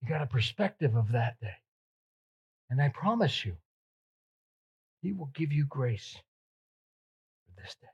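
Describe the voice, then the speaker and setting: A male pastor preaching a sermon, repeating words for emphasis and swinging between loud emphatic peaks and soft, hushed passages. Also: mid-range voice, very animated, unhurried, pauses often, slightly rough, highs cut off.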